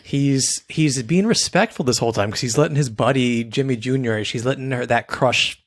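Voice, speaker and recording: This young man co-hosts a podcast in casual chat, with a medium-pitched voice and moderate pace. He's easygoing and rambling, frequently restarting his words.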